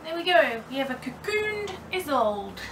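A woman's voice: high-pitched, sing-song, moderate pace, noisy background. A woman chatting casually to her camera while packing a parcel at home, a little nervous and apologetic, with her camera mic set a fair way away from her. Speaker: doll vlogger.

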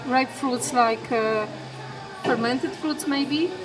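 A middle-aged woman who is a coffee judge, tasting coffee and giving slow, careful remarks in a busy coffee shop. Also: high voice. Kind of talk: casual coffee tasting chat. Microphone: handheld camera held by companion. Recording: distant voice in crowded cafe.

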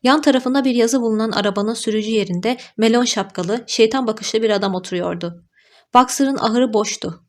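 A woman narrating an audiobook with an even, measured reading style. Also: on the high side. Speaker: audiobook reader. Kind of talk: scripted narration.

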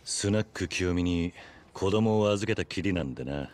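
A man playing a stoic, gruff middle-aged ex-yakuza in a video game, with terse, blunt gangster speech. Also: low-pitched, lively intonation, moderate pace, a little mellow. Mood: gruff, unhurried. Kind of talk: video game drama acting.

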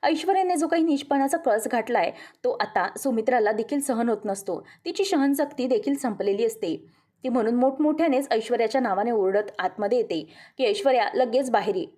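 A woman with a fairly high, mellow voice and lively intonation speaks briskly as she recaps a television serial episode. She narrates it as a vivid, emotive, dramatic story, addressing her listeners as friends.

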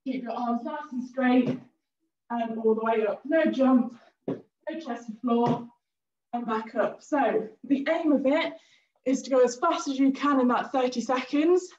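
A high-voiced woman coaches a cardio workout, calling out encouraging cues and countdowns. She is out of breath from exercising along. The sound is roomy and heard from a little way off the mic, slightly dull. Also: measured pace, a little mellow. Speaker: fitness instructor. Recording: roomy, distant and a bit dull.

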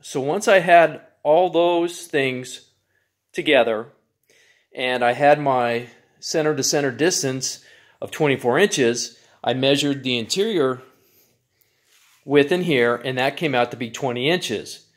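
A man hosting a DIY channel, calmly walking through a step-by-step build tutorial with measurements, in a plain, methodical way. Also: mid-range voice, a little slow.

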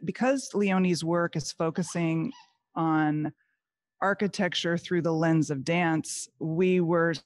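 Woman host reading a formal introduction. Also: lowish voice. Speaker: museum host, moderator. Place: outdoor courtyard.

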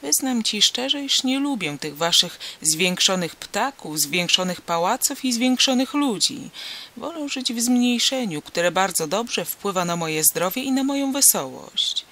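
A man's voice: high voice, expressive, measured pace, bright, forceful tone, voice pushed up, heavily acted. A man reading a storybook, voicing a tiny, pompous male king of miniature people who speaks in a self-important way.

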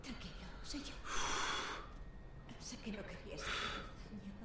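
An actress voicing a menacing, unhinged young woman in a horror game, her taunts soft and breathy before turning shrill. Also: moderate pace, echoey room, slight background noise, lightly acted. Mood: soft taunting. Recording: game audio played from afar with loud music.

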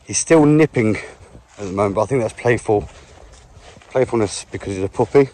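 A man's voice: lowish voice, a little fast, mellow. Breathless man vlogging on a walk. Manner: chatty, laughs often while handling the puppy. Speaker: vlogger, dog owner. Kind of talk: casual vlog talk to camera. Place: open field outdoors.

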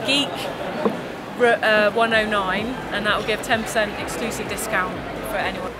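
A woman's voice: medium pitch, steady tone, moderate pace, loud music behind the voice, a loud crowd. A woman in her forties giving a casual interview as the owner of a small business. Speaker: clothing company owner.

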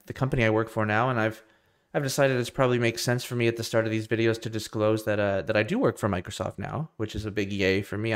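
A man with a somewhat low voice, sounding nasal as he gets over a cold. He chats loosely and with self-deprecating humor to viewers of his live coding stream, often starting over mid-sentence. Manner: rambling, loose and self-deprecating, many restarts. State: tail end of a cold. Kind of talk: casual live-stream chat. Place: home room with a computer rack.

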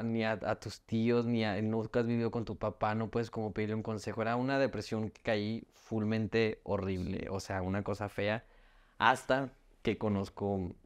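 A young man with a Mexican accent, heartfelt and halting as he tells his own life story on a podcast, often restarting his words. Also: lowish voice, clear, resonant tone. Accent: Mexican Spanish. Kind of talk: emotional personal storytelling.

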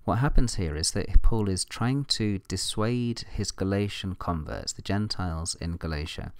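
English guy lecturing on his podcast, low voice, dry close sound, puts on voices for quotes. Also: moderate pace, no room sound. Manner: animated, changes voice to read quotations. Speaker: podcast host, New Testament scholar.

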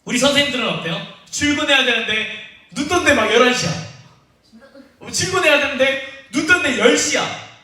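A man's voice: very high voice, lively intonation, a little fast, pushed and bright. A young man teaching an online Sunday school lesson for children, playful and teasing, calling the kids by name. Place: church room. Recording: echoey, distant from the mic.

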